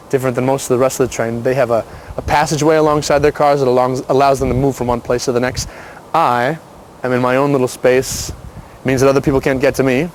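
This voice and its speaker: A man's voice: mid-range voice, poor audio. An American man talking casually to camera like a showman, stretching out his emphatic adjectives. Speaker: circus ringmaster showing his life on tour. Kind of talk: casual to-camera vlog talk. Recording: faint outdoor and vehicle noise. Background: faint outdoor noise.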